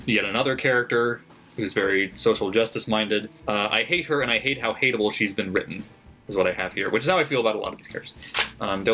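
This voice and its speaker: This book vlogger's voice is on the low side with a sharp tone as he chats through his margin notes on a book. He's sardonic and critical, laughs at what he wrote, swears frequently and fills his speech with fillers in a loose, casual way. Faint background music sits underneath.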